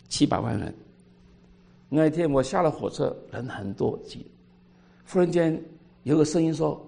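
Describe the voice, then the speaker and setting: An older man with a Cantonese accent, telling a story in a sermon, voice swinging between loud and quiet. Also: fairly high pitch. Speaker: pastor.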